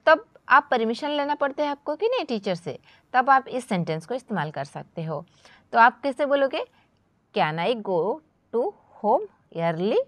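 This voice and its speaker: A woman teaching an English grammar lesson, addressing her students as children and saying the English examples slowly and with stress. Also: high-pitched, big pitch swings, no echo.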